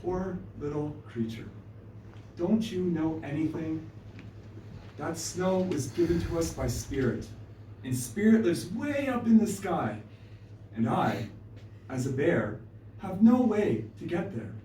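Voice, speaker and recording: A man's voice: a little high, lively intonation, slow pace, long pauses, warm tone, slight background noise, voice pushed up. A man voicing a sleepy, amused mighty female bear in a told story, speaking in a drowsy, condescending way. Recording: roomy live stage, distant mic.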